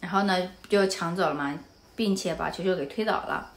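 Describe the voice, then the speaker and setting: A woman's voice: on the low side, a little fast, a little hiss or hum. A woman from Anhui, China, vlogging casually and telling a story animatedly, often turning to the viewer with asides.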